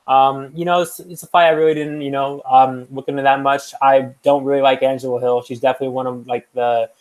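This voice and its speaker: A man's voice: mid-range voice, little pitch movement, fairly quick, low-quality recording. A young man co-hosting a podcast, talking through fight picks in a loose, rambling way with lots of fillers and restarts. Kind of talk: casual chat.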